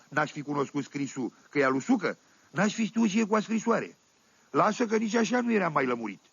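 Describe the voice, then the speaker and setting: Un actor care interpretează un sătean oltean de vârstă mijlocie, povestind glumeț și fără șir, cu accent oltenesc, într-o comedie radiofonică. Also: male voice, high voice, creaky, a bit bright, slightly rough, no echo, heavily acted. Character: folksy Oltenian village man telling tales. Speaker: storyteller. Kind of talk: 1970s radio comedy monologue. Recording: dull dry 1978 vinyl radio recording.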